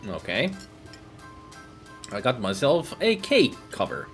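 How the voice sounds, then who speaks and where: A man with a mid-pitched voice plays through a game and comments casually. His delivery is slow but very lively in pitch, playful, as if thinking out loud. Faint music sits behind him. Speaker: game streamer. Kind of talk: casual game playthrough commentary, reading dialogue aloud.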